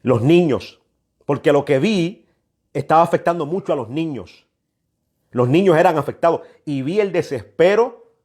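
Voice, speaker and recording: With a slightly high, slightly mellow voice, a man from New York preaches a prophetic message. His exhortation is emphatic and admonishing, and he tends to repeat phrases to add weight.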